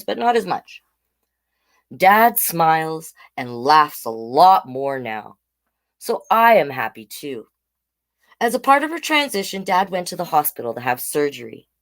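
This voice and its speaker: Speaking at a moderate pace in a low, very animated voice, a storytime host reads a picture book to young children. She chats with them in simple words. She explains things the way you would for kids, using tag questions.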